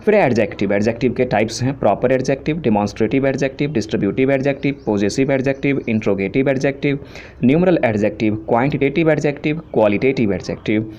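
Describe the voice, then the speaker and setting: Hindi-speaking English teacher listing grammar terms. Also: male voice, medium pitch, darkish tone. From India. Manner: lists terms steadily, explains in simple asides. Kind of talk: classroom lecture. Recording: dull lo-fi recording with faint hiss.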